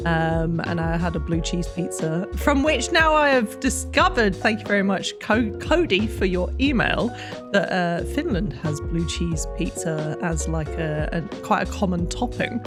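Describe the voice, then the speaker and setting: A woman's voice: lowish voice, lively intonation, unhurried, music in the background. A woman co-hosting a podcast in casual chat, giggly and playful, often laughing and teasing her friend. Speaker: podcast co-host.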